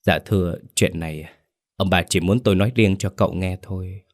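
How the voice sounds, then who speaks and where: A man's voice: sits low, brisk. A stammering, tearful young mother, a man putting her on. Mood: pleading. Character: poor frightened young country woman, tearful mother.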